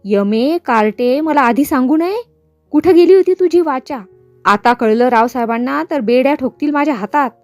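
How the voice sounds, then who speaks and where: A miserly, short-tempered middle-aged shopkeeper, read by a woman in an audiobook, blustering and scolding. The voice sits high and sounds dry and close. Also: normal speed, a little mellow, no room sound, faint music behind, close to an everyday voice. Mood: alarmed. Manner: blustering, scolding, then fawning.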